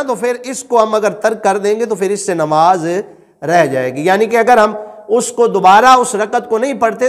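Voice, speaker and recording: In a large hall, a religious teacher whose voice sits high goes over his points again and again with patient explanation. He asks his listeners questions, then answers them on his own.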